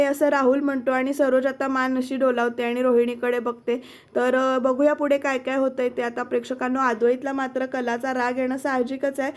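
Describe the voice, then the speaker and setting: A woman reviewing a TV serial episode, retelling the scenes and quoting the characters' lines while she speaks directly to her viewers. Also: high-pitched.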